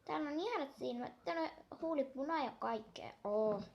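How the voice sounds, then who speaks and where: A young girl chatting casually while unboxing a toy, gushing and excitable, counting down aloud. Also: high voice, vocal fry, muffled recording.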